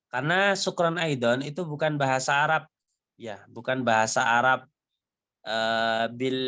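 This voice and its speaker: A man's voice: mid-range voice, a bit bright. A man teaching a language lesson, reading dialogue lines aloud, translating them, and explaining patiently with frequent little tag words. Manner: explains patiently, often ending phrases with "ya" and "gitu". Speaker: Arabic teacher.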